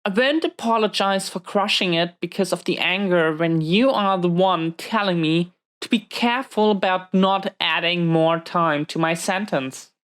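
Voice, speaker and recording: A woman with a clear, resonant voice on the low side speaks unhurriedly with hardly any pauses, lightly acting the part of a protective, hot-tempered but tender supervillain in prison. Addressing an unseen listener in an intimate audio roleplay, she is defensive, hesitant, and irritated.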